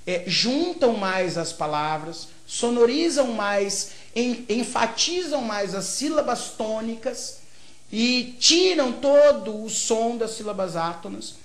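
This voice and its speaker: In an echoey room, a man from Brazil lectures on grammar with a Brazilian Portuguese accent, building the explanation step by step and frequently checking in with brief tag questions. His pitch is extremely high, his intonation lively, and his pace slow.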